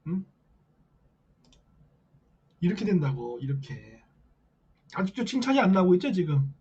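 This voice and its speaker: Lively high-voiced man hectoring his viewers. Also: husky, highs cut off. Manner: hectoring rhetorical questions with repeated "eh?" tags; reads viewer comments aloud. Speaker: live-stream host. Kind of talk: late-night political commentary stream.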